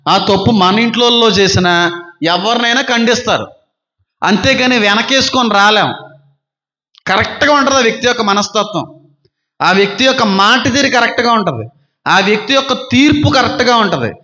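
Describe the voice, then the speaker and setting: A man's voice: high-pitched, bright, forceful tone, roomy sound. A male pastor preaching a sermon, emphatic, repeating phrases in lists and acting out quoted gossip. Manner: acts out quoted gossip in other voices.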